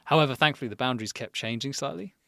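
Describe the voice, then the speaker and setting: A man co-hosting a casual history podcast, racing through a story in an animated way with frequent laughs. His pitch sits in the middle range. The recording is dry and close. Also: very fast, vocal fry, no room sound. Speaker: podcast co-host.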